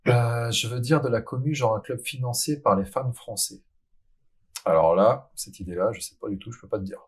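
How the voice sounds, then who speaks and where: A man's voice: medium pitch, unhurried, pauses often, slightly rough. A man hosting a casual live stream, chatting with a guest, reading out viewer questions and laughing often. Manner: laughs often, reads chat questions aloud. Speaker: host.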